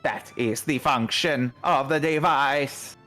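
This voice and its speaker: A man's voice: medium pitch, slow pace, pushed and bright, faint music behind. A man doing a Dalek-style robot android. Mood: flat, formal. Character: stiff robotic android researcher, calm and formal. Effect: Dalek-like robot voice done by mouth. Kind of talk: voicing a game character while streaming.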